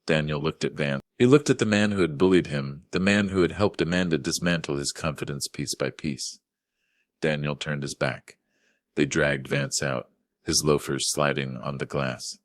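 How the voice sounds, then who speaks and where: Very deep-voiced older man narrating. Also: steady tone, moderate pace, dry recording. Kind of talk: first-person story narration.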